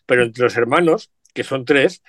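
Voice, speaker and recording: A man's voice: mid-range voice, normal speed, a bit bright, no room sound, studio quality. A middle-aged man chatting reflectively about family words, with frequent asides. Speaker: guest. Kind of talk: casual chat.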